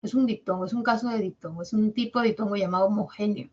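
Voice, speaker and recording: A woman from Peru with a Peruvian Spanish accent, a language teacher giving a classroom lecture and slowly sounding out example words syllable by syllable. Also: medium pitch, darkish tone, lo-fi sound. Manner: explains patiently, drawing out example words syllable by syllable.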